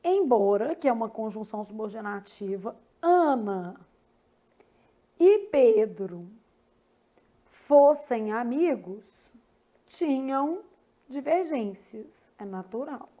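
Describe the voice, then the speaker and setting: A Brazilian woman with a high voice teaches grammar in an online prep class. She explains each point in a chatty way and keeps checking in with her listeners through quick tag questions. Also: expressive, warm tone, muffled recording. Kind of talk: online exam-prep lesson.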